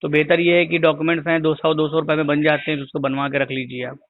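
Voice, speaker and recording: A teacher patiently explaining to a caller over a crackly cordless phone line, repeating his points until they are clear. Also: on the high side, level tone, fast talker. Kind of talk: phone call advice. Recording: tinny, noisy phone line.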